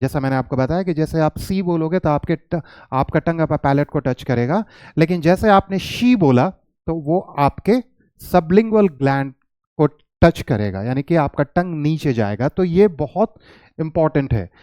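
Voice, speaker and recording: A male teacher with a slightly high voice gives a pronunciation lesson in a mix of Hindi and English. He explains patiently, calls his students "children," and reads tongue twisters out slowly. It is a close, dry recording with no room echo. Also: lively intonation, darkish tone.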